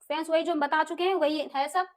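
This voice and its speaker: A young woman teaching an exam-prep Hindi lesson, asking questions and answering them herself, repeating key terms and sounding out vowels slowly. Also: high voice, steady tone. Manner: addresses viewers as friends, asks and answers own questions.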